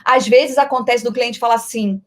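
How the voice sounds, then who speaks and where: A woman's voice: fairly high pitch, moderate pace. Playful Brazilian woman chatting on a live stream. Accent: Brazilian Portuguese. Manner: playful, often shifts loudness and speed. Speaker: voice actress answering viewer questions.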